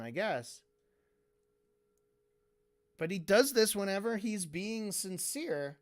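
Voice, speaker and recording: A man commentating on a stream in a casual, profane way, breaking into mocking impressions. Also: sits high.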